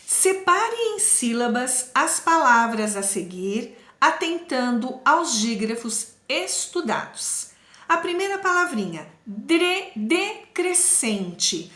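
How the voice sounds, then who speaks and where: Woman teacher, sing-songy voice, slow careful explaining for kids, roomy echo. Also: sits high, sing-song, pushed and bright. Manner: slow, careful, repeats sounds for children. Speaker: primary school teacher. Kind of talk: classroom lesson explanation.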